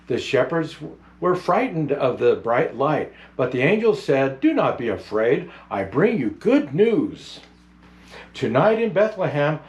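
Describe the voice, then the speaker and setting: A man plays a jolly, kindly old Santa Claus reading a picture book to children, his voice a little high and a little mellow. He takes an unhurried, grandfatherly pace and drops in chatty asides.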